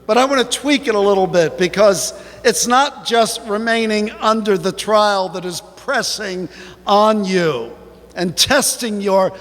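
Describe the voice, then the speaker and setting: A man preaching a sermon as pastor, slow and emphatic, with sudden rises in pitch. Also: fairly bright tone, long reverb tail. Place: church sanctuary.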